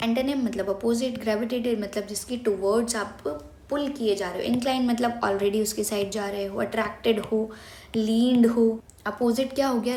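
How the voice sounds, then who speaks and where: A woman's voice: medium pitch, a little mellow, reverberant. A young woman teaching vocabulary for exam prep, explaining step by step and asking questions she then answers herself. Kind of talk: Hindi-English mixed vocabulary lesson.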